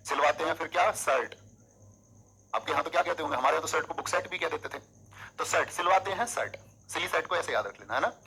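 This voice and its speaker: Teaching an exam coaching class, a man with a bright, husky voice on the high side speaks in an animated, coaxing manner and repeatedly drills memory tricks. The audio is a little lo-fi.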